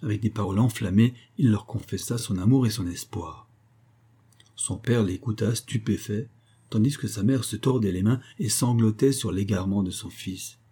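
Male audiobook narrator, dark mellow tone, steady dramatic reading. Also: on the low side, normal speed, husky.

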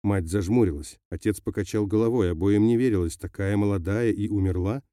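A man narrating an audiobook in a steady, measured reading voice. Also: lowish voice, no room sound, studio quality. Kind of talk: scripted narration.

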